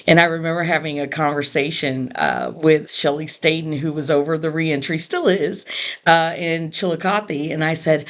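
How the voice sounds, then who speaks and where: Woman, low voice, middle-aged, earnest personal storytelling, animated quotes. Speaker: podcast host telling her story.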